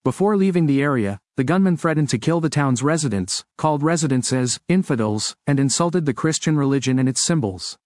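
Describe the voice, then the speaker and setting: A man's voice: a little high, animated, fairly quick, few pauses, darkish tone, no room sound. Man reading a news report, dry. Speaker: narrator. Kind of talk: scripted narration of a news report.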